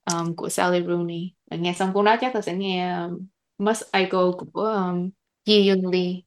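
A woman's voice: fairly low pitch, level tone, normal speed, slight background noise. A woman co-hosting a casual book podcast, talking in a chatty way with many fillers and English words mixed in. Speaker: podcast co-host. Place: lives in the US.

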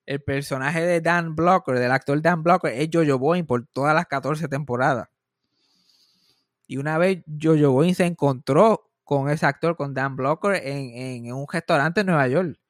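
A man's voice: fairly high pitch, no echo, studio quality. Profane, rambling Puerto Rican man. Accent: Puerto Rican Spanish. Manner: rambling and profane, with frequent restarts. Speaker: podcast host. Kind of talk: casual storytelling chat.

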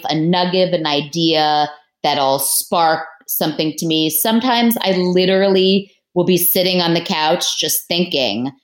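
A woman author chatting as a podcast guest, telling about her books in a relaxed, talkative way and laughing easily. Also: lowish voice, echoey room. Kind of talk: casual podcast interview.

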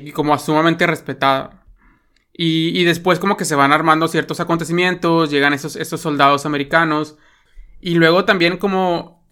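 A man's voice: fairly high pitch, bright, forceful tone, smooth. A man with a Mexican accent chatting casually about a film, rambling with lots of fillers and tag questions.

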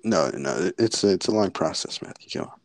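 Giggly low-voiced teen boy, dry sound. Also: animated, a little fast, no room sound. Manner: giggly, rambling, drops to whispers. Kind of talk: casual chat. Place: at home, indoors. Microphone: video call.

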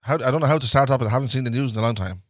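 A man's voice: medium pitch, rapid-fire, a bit bright, no echo, studio quality. An Irish man co-hosting a podcast in casual comedic chat, laughing often and putting on a mock newsreader voice. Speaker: podcast co-host.

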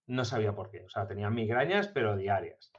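A man's voice: lowish voice, animated, a little fast. Rambling man, lo-fi sound. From La Mancha, Spain. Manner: rambling, frank, many fillers. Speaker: podcast guest. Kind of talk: casual chat. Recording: slightly dull lo-fi sound.

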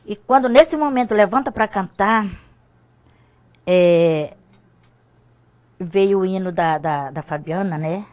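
A woman's voice: mid-range voice, slow pace, pauses often, a little mellow. An older woman giving an emotional personal testimony as a guest on a church talk show. She often repeats herself, and her voice rises when she is moved.

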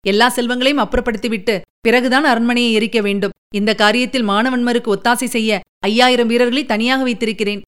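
A woman's voice: fairly high pitch, steady tone, brisk, clean tone, natural voice. A woman voicing an earnest male army general in an audiobook, delivering pressing reports. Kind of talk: audiobook character reading.

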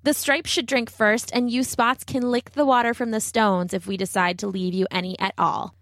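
A woman's voice: a little high, steady tone, moderate pace, a bit bright, dry recording, studio quality. A woman voicing a haughty female zebra in a storybook, dismissive and snorting.

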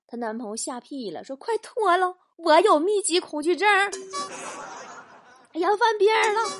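Lively woman host with a bright, swooping delivery who tells comic stories and laughs at her own jokes. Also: a little high. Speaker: comedy talk show host. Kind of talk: comic storytelling monologue.

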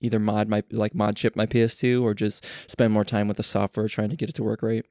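A man's voice: lowish voice, little pitch movement, fast, warm tone, no echo. Rambling, enthusiastic young man, dry close sound. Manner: rambling, enthusiastic, self-deprecating, laughs often. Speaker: podcast co-host. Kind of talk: casual chat.

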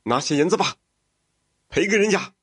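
A man's voice: fairly high pitch, animated, normal speed, fairly bright tone, slightly rough. A man playing an exasperated rich old father. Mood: exasperated scolding. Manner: scolding, sighing. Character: wealthy kindly middle-aged father, exasperated.

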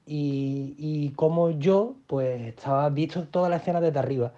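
Man guest, mellow, slightly high, halting account, lo-fi recording. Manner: hesitant, halting, with restarts. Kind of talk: personal storytelling.

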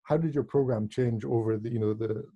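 A man's voice: mid-range voice, a little fast, dark tone, slightly rough, muffled recording. A man hosting an interview, affirming his guest and asking follow-up questions. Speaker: podcast host.

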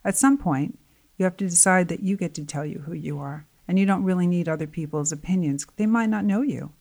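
A woman's voice: fairly low pitch, fairly quick. A middle-aged woman guesting as a life coach, talking earnestly in a conversational interview, her voice tiring. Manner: earnest, animated when quoting others. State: voice getting tired.

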